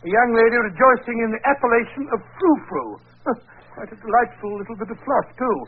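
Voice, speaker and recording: An actor playing a genial older English doctor, bluff and easily flustered, in 1940s radio drama style. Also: male voice, very high-pitched, a little fast, breathy edge. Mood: chatty, discreet. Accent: British. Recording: muffled, tinny old 1940s radio recording.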